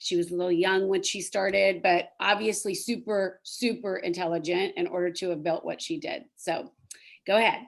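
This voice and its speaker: A woman's voice: lowish voice, fairly even intonation, moderate pace, gravelly. A woman hosting a casual interview podcast, effusive and complimentary, phrasing things loosely as she goes.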